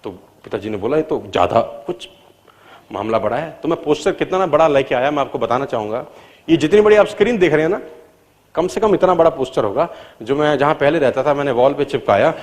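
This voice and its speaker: A middle-aged man with a high-pitched voice gives a motivational talk, telling his own story. He swings from loud, emphatic peaks to low, quiet asides and drops English phrases into his speech. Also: fast. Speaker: motivational speaker.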